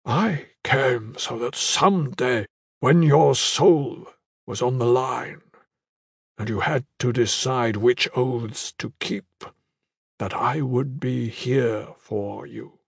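A man voicing a dying, wounded male warrior in an audiobook, speaking weakly in a slow, halting way. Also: mid-range voice, creaky, breathy edge, dry recording, clean studio sound, heavily acted. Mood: weak, earnest. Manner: weak, slow, halting delivery. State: fading, barely holding on. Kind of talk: audiobook character voice.

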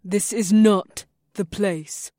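A man's voice: high-pitched, moderate pace, voice pushed up, lightly acted. A man playing a stern older warrior chieftess. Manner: rich, ringing, authoritative. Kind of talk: audiobook character voice.

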